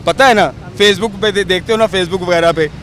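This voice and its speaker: A male street reporter with a Pakistani Urdu accent presses people with probing questions beside a busy road. His voice sits high for a man, with faint traffic noise around him. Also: normal speed, fairly bright tone. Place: roadside outdoors in city traffic.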